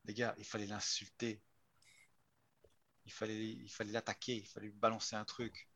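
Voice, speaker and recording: A man's voice: on the low side, flat delivery, normal speed, a bit bright. A man chatting casually as a player in a tabletop game, colloquial and blunt.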